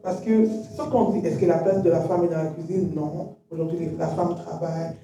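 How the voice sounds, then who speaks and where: A woman who grew up in Canada, talking in a measured, pausing way with gentle humor in a casual faith-based conversation. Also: on the low side, steady tone, recorded from a distance, soft background music. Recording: very echoey room, voice from afar.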